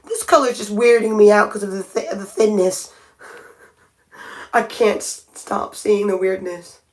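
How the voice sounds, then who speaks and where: At home by a window, a woman livestreams while painting her nails, chatting casually and thinking aloud. Her voice is medium in pitch, steady, and unhurried, and she often restarts her sentences.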